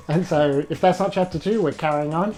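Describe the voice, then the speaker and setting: A man's voice: a little high, moderate pace, darkish tone. A man casually chatting and reading game text aloud during a let's play. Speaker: game player.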